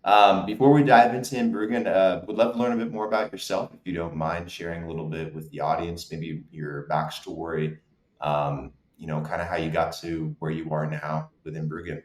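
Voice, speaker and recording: Man, very low voice, podcast host, casual friendly questions, roomy echo. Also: steady tone, moderate pace. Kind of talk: casual interview talk. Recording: echoey room.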